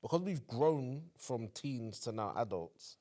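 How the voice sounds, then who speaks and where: A man in his thirties from England, co-hosting a podcast in relaxed, teasing casual chat. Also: mid-range voice, measured pace. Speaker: podcast co-host.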